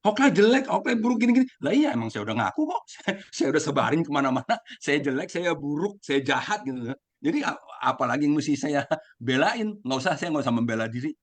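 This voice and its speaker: A man's voice: mid-range voice, big pitch swings, fast talker. A man sharing a candid, self-deprecating story in a casual Buddhist talk, laughing often. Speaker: sharing participant.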